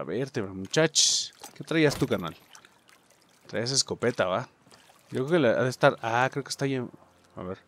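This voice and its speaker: A Mexican gaming YouTuber with a medium-pitched voice plays through a game in casual let's-play style. He's animated and foul-mouthed, cracking jokes, cursing, and calling his viewers "muchachos."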